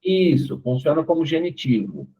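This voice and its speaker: Teaching English online, a man with a Brazilian Portuguese accent patiently explains things step by step and frequently checks in with his students. His husky voice is a little high, has big pitch swings, and moves at normal speed, carried over tinny, narrowband call audio.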